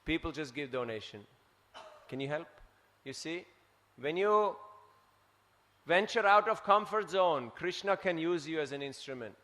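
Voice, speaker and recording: Swiss male preacher, higher, forceful tone, reverberant hall, lively storytelling manner. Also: unhurried. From Switzerland. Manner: animated storytelling, tags points with "huh?". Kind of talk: scripture class talk. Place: temple hall.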